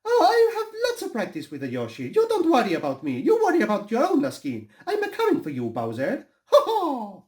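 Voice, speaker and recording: A man voicing a cheery, excitable Italian-style plumber hero in a boastful, mock-Italian sing-song. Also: extremely high pitch, a little fast, few pauses, voice pushed up, heavily acted. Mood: cocky.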